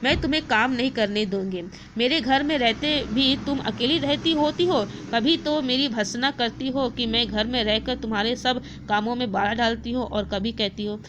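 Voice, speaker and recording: A woman's voice: fairly high pitch, moderate pace, few pauses, muffled recording, background noise, lightly acted. A woman teacher voicing a worried widowed mother who talks wearily and sadly. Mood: weary. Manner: weary, sorrowful.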